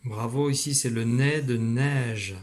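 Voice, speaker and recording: A man's voice: medium pitch, steady tone, slow pace. A man teaching a reading lesson to young children over video, explaining patiently and encouraging them, recorded at a computer at home. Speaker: primary school teacher. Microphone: computer at a desk.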